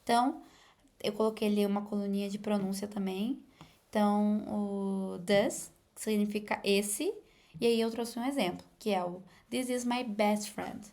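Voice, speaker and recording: A young woman with a Brazilian Portuguese accent, a native Portuguese speaker, giving a casual English lesson and pausing often to correct herself. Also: medium pitch, fairly even intonation, darkish tone. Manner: hesitant, many fillers and restarts. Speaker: English teacher.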